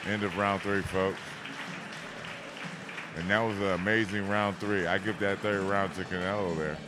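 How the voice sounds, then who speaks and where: A man with an American accent doing live boxing commentary, enthusiastic and quick to agree. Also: low voice, fairly even intonation, a crowd in the background, background noise. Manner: enthusiastic, agreeable, repeats 'absolutely'.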